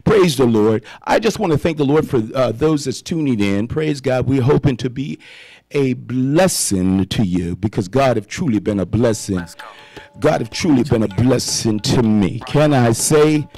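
A man's voice: mid-range voice, unhurried, warm tone, soft background music. A man in his fifties preaching live on radio from a studio, fervently calling out praise and amen between his thoughts. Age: 50s. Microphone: studio mic on boom arm, wearing headphones.

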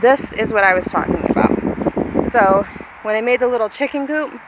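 Speaking at a moderate pace, this woman in her thirties, a vlogger who farms as a hobby, rambles casually to her audience with a self-deprecating streak. The phone recording, held at arm's length in an open grassy yard, is full of wind, outdoor noise, and a low rumble resembling a vehicle.

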